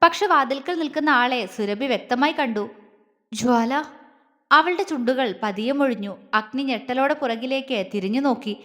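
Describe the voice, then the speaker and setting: A woman storyteller narrates a dramatic audio series with a steady reading voice. Her voice sits high, and a long reverb trails after it. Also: moderate pace.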